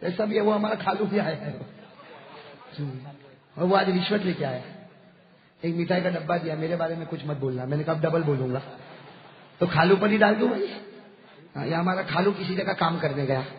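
A man preaching a sermon to a gathering, mixing jokes with religious teaching. He drops to murmured asides, then shouts exhortations and calls on the crowd to answer. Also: high-pitched, normal speed, pauses often. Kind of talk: sermon with humorous anecdotes. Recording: echoey lo-fi hall recording.

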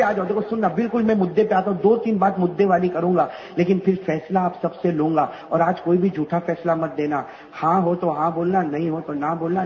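A male preacher giving a storytelling sermon, animated and rhetorical, calling on the audience to answer back. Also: a little high, highs cut off.

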